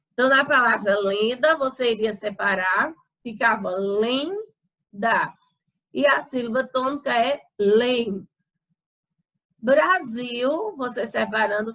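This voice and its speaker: A woman's voice: on the high side, a bit bright, poor audio. A woman teacher with a Brazilian accent going over homework answers, patiently stretching words out syllable by syllable. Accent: Brazilian Portuguese. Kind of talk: explaining homework corrections.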